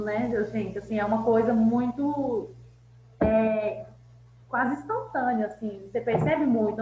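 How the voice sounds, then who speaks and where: Uma mulher co-apresentadora de um grupo terapêutico, incentivando o público e chamando todos de "gente". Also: female voice, fairly high pitch. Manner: addresses the audience often as "gente", encouraging. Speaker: co-host of a therapy group. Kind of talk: live group session chat. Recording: lo-fi, roomy, faint hum.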